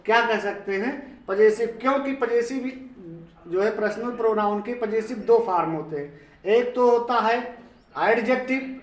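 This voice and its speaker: A man with a Hindi accent teaching English grammar in a classroom lecture, speaking slowly and repeating himself while quizzing his class. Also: high voice, echoey room, recorded from a distance, rough recording. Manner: slow, repetitive, asks the class questions.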